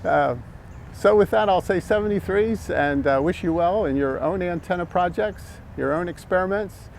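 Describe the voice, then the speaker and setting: A high-pitched, gravelly voice with a darkish tone belongs to an older American man explaining things on his vlog at a normal pace. He is an amateur radio operator, and he talks in a casual, hesitant, reflective way against outdoor background noise.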